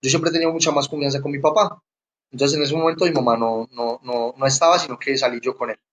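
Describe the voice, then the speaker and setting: A young man giving a personal testimony, halting and often repeating words as he restarts. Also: mid-range voice, steady tone, fairly bright tone. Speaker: interviewee sharing his testimony.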